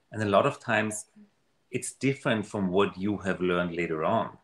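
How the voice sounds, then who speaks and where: A man giving an earnest, animated motivational talk in a casual conversation. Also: on the low side, echoey room. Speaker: guest speaker on money mindset.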